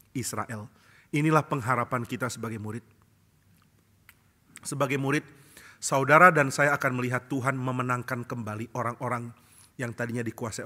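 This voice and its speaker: A male pastor delivers a storytelling sermon, acting out dialogue and building to loud emphatic lines before dropping back to quiet asides. His voice is very bright and ringing, heard in a church with a long reverb tail. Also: medium pitch. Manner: storytelling preacher, acts out voices in dialogue, rises to emphatic peaks. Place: church hall.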